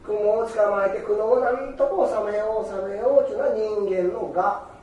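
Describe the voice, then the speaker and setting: An older man with a giving a Buddhist sermon in an animated storytelling manner, acting out quoted exchanges. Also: high voice, normal speed, lo-fi sound. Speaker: Buddhist preacher. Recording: echoey hall from far off.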